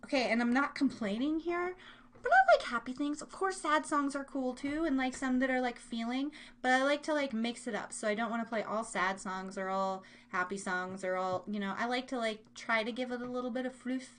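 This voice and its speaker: An American woman from Kansas, a livestream and podcast host, streams live from her room and chats casually with listeners. She rambles informally and uses playful slang. Her voice is a little high and a bit bright, and she talks briskly.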